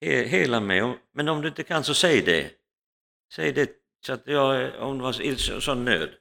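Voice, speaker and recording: A man's voice: medium pitch, gravelly, voice pushed up, close to an everyday voice. A man voicing a desperate, bedridden woman pleading urgently in prayer.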